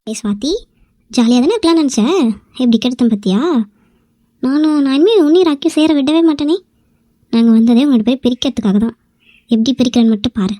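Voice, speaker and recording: A woman voicing a scheming young female rival in a cartoon, who whimpers and pleads to win sympathy, and drops to a low, sly tone in her asides. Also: expressive, fast, long pauses, dark tone, no room sound, studio quality. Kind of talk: amateur cartoon voice acting.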